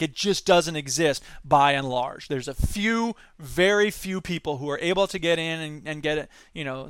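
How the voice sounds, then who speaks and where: A man's voice: fairly high pitch, a bit bright, smooth, dry recording, clean studio sound. A man hosting a podcast, giving emphatic, exasperated political commentary. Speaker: podcast host.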